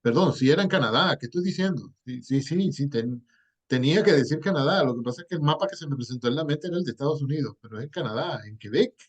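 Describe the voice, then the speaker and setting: A man's voice: fairly high pitch, animated, quick pace. A man giving an online lecture over a video call, digressive and full of fillers and self-corrections. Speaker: Spanish language history lecturer.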